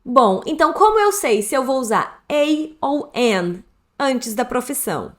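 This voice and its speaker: A Brazilian woman with a fairly high voice gives an online English lesson in Brazilian Portuguese. She explains each point step by step, slowing down to say English phrases clearly so learners can repeat them. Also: very animated. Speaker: English teacher.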